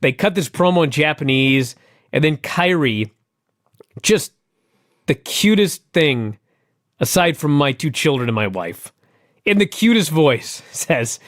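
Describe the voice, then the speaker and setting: Wry, laughing man with a lively voice. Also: on the high side, unhurried, pauses often, no room sound, clean studio sound. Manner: laughing, wry, swears casually. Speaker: podcast co-host. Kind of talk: casual wrestling recap chat.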